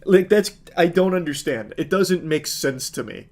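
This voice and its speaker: A man's voice: a little high, lively intonation, normal speed, darkish tone. A man giving sarcastic, exasperated reaction commentary. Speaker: online commentator.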